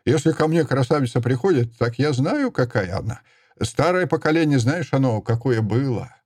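A man reading an audiobook voices a seventy-year-old mischievous drunk carpenter with a creaky, querulous, nagging voice. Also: medium pitch, animated, moderate pace, darkish tone, dry recording, clean studio sound, lightly acted. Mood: pleased gossip. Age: 70s. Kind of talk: audiobook character voice.

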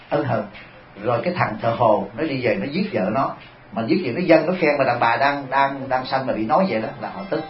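A man, a Buddhist monk giving a dharma talk, telling humorous stories and addressing the congregation. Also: medium pitch. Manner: humorous, animated storytelling to the congregation. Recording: echoey, dull lo-fi hall.

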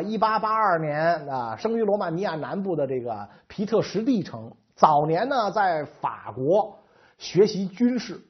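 A man's voice: sits high, breathy edge. A man telling history in a colloquial, joking storyteller style. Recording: slightly dull lo-fi recording.

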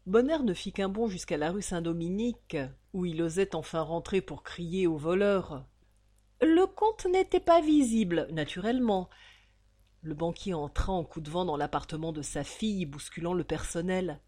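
A woman reading a novel aloud as an audiobook narrator, in an expressive, theatrical manner. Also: fairly low pitch, normal speed. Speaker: audiobook reader.

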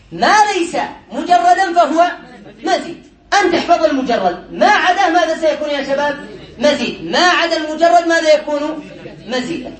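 A man's voice: extremely high pitch, recorded from a distance. A man teaching a classroom lesson as a sheikh. He quizzes his students, repeats the answers, and chuckles often. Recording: echoey room.

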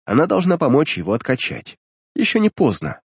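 Brief: male narrator, husky voice, lively pitch, dramatic first-person fantasy reading. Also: fairly quick, no echo, studio quality. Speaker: audiobook narrator.

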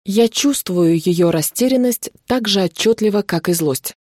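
A woman narrating a fantasy audiobook in the first person. Her reading is even and measured, with a dark, mellow tone. The sound is dry and close. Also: medium pitch, no room sound.

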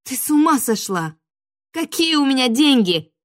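A woman voicing a naive, flustered young sister in an audiobook, high and heated. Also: brisk, fairly bright tone, dry recording, clean studio sound. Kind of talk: audiobook character voice.

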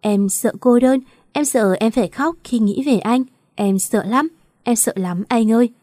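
A woman's voice: fairly high pitch, measured pace, warm tone, no room sound, studio quality, lightly acted. A woman reading the lines of a torn, tearful young woman in an emotional, questioning lament. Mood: pleading.

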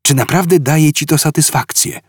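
A man reading an audiobook, voicing a quick-witted alien traveller who pleads and snaps urgently. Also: fairly high pitch, breathy edge, no echo, studio quality, pitched above the performer's own voice. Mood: coaxing.

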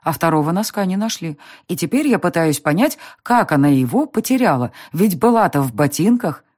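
A woman reading an audiobook, voicing a motherly housekeeper who chats and grumbles fondly about a mischievous child, a little higher than her narration. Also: sing-song, fairly quick, a little mellow, no room sound, clean studio sound. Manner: chatty, mock-complaining. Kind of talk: audiobook character voice.

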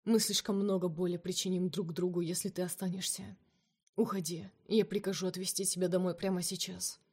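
A woman's voice: lowish voice, little pitch movement, brisk, a little mellow, breathy edge. A woman voicing a bitter, jealous man who speaks in a cold, cutting way. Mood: softened. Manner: cold, cutting, at times hissed.

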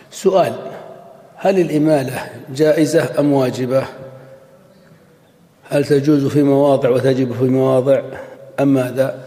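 A man, a scholar, giving a measured classroom lecture, repeating his examples and now and then clearing his throat. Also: mid-range voice, steady tone, warm tone. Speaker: Islamic scholar teaching Arabic morphology. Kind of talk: classroom lecture explaining a text. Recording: echoey hall with long reverb.

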